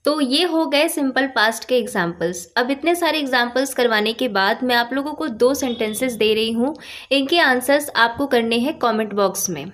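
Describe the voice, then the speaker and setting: Woman, English teacher, high voice, patient explanatory lesson, repeats points, stresses helping verbs. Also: moderate pace, fairly bright tone.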